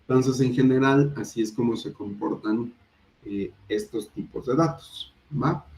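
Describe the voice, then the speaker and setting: A young man with a Mexican Spanish accent giving a recorded programming lecture in a relaxed, conversational way, with frequent fillers and tag questions. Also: medium pitch, unhurried, poor audio. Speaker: university lecturer.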